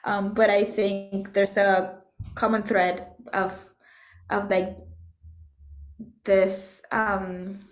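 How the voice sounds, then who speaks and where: In her reflective interview, the Puerto Rican composer and musician uses a mid-range voice with a completely flat delivery. She works her thoughts out aloud, stopping to search for words, and the room's sound adds a noticeable echo.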